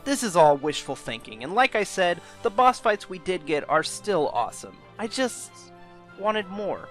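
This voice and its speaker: Sarcastic, animated young-sounding gaming guy. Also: high-pitched, moderate pace, over music. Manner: sarcastic, swears a lot. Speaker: gaming video host. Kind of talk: scripted gaming commentary.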